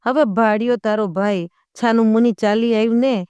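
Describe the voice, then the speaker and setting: A woman voicing a jealous Rajput husband who scolds quickly and roughly, in a told folk tale. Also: fairly high pitch, fairly even intonation, darkish tone, dry recording, natural voice. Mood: scolding.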